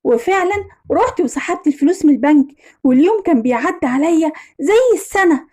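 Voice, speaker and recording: A woman with an Egyptian Arabic accent narrating a dramatic first-person story in a brisk manner. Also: high-pitched, expressive, a little mellow.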